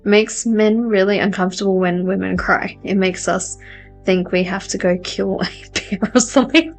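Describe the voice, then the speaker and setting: A woman with a medium-pitched, fairly even voice speaks at normal speed over faint music. She's an adult tarot reader hosting a livestream, chatting casually, reading out comments from viewers, and laughing at herself a lot.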